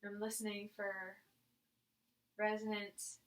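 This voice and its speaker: With a mid-range voice, flat delivery and slow pace, a woman performs a demonstration nursing head assessment. She talks informally through each stage of the exam and directs her patient as she goes.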